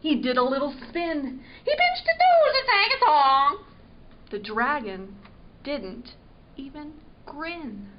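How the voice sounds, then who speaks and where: Slow, expressive storytime librarian woman. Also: high voice, dull audio, a little hiss or hum. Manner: expressive, asks listeners questions. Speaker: children's librarian. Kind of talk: children's storytime read-aloud.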